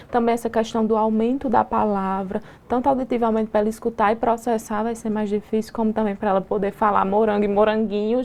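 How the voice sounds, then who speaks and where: A woman's voice: on the high side, a little mellow. A woman speech therapist with a Brazilian Portuguese accent, explaining patiently in a TV studio interview and asking rhetorical questions.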